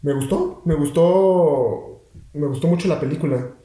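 A man's voice: a little high, a little slow, dark tone, echoey room. A young man, chatting casually as a podcast co-host and rambling with many restarts and fillers. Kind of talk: casual chat.

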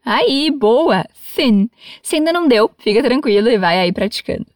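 A woman's voice: a little high, expressive, moderate pace, dry recording, studio quality. A Brazilian woman with a Brazilian Portuguese accent, teaching English in a patient, encouraging, playful way. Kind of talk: lesson for learners.

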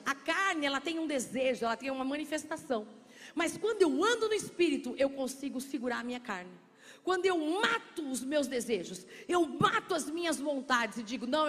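A woman pastor preaching a sermon, playful and joking with the congregation, then slowing into soft, intimate speech. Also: sits high. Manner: slows and softens into quiet, intimate speech. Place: church sanctuary. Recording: long church reverb.

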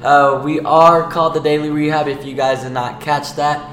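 A man's voice: on the high side, fairly even intonation, normal speed, fairly bright tone. A seventeen-year-old young man co-hosting a student podcast, explaining things in a casual, slangy way. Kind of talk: casual chat. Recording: echoey room with faint noise.

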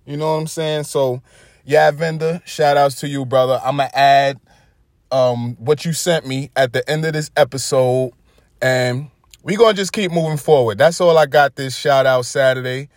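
A man with a Brooklyn, New York accent talks casually to his listeners in a relaxed monologue. His voice sits at an ordinary middle pitch. The sound is dry and close, with no room around it. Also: normal speed, dry recording. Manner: laid-back, conversational, chuckling asides. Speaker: podcast host.

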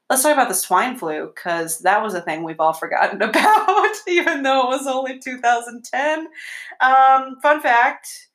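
A woman's voice: mid-range voice, fairly bright tone. A young woman hosting a podcast from her bedroom, chatting casually, joking and laughing often. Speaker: podcast host. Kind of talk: casual chat. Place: bedroom at home.

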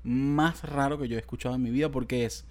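Twenties man, quick slangy banter, mid pitch. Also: steady tone, a loud crowd. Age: 20s. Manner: slangy, joking. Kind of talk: casual chat.

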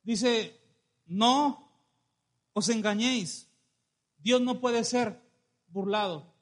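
A male preacher with a Mexican Spanish accent giving a sermon, telling stories and calling the congregation to say amen. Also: high-pitched. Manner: storytelling, calls for amen, slows on key phrases.

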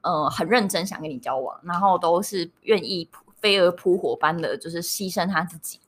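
A woman hosting a podcast, interviewing casually in a teasing, animated way. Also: lowish voice, brisk, breathy edge.

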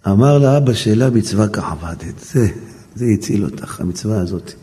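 A male rabbi with a lowish voice teaches a lesson through a Talmud story, quoting the Aramaic and then explaining it with lively storytelling.

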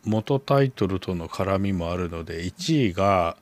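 A man in a casual book club chat, explaining his picks in an unhurried way that thinks aloud. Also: sits low, expressive, no echo.

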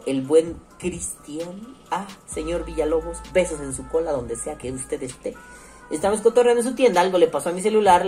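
A man's voice: a little high, warm tone. A man with a Mexico City accent hosting an online show, talking in a casual, profane monologue full of slang and acted-out quotes. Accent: Mexico City Spanish. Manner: slangy, swears freely, acts out quoted voices. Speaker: online show host reading comments.

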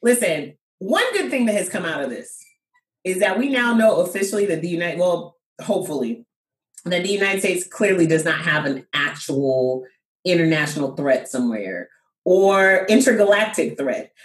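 Young woman, podcast co-host, chatty and laughing, lowish voice, echoey room. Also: moderate pace. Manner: animated, laughs often, lots of "like" and "bro". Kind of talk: casual chat. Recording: roomy echo.

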